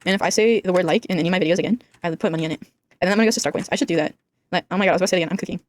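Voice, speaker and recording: A teenage girl, a gaming YouTuber, rambling casually over her gameplay at home in a deliberately flat, monotone voice, filling her talk with "like.". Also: on the low side, no echo. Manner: rambling, flat monotone delivery, says "like" constantly.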